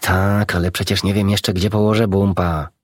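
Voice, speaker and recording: A man's voice: low voice, little pitch movement, moderate pace, no room sound, studio quality. A man voicing a stern, fussy female duck housekeeper in a storybook reading, scolding and worried.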